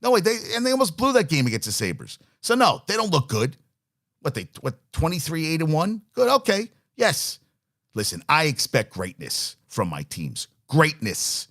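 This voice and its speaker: A man's voice: on the high side, huge pitch swings, normal speed, fairly bright tone. A man hosting a sports talk show, ranting bluntly and profanely with opinionated swings. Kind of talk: casual opinionated sports rant.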